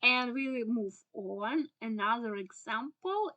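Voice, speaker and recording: A young native Ukrainian speaker, working as an SEO instructor, talks through a screen-share tutorial in English with a Ukrainian accent. Her fairly high voice is bright and crisp with lively intonation. She often pauses on "uh" and speaks in halting, non-native English.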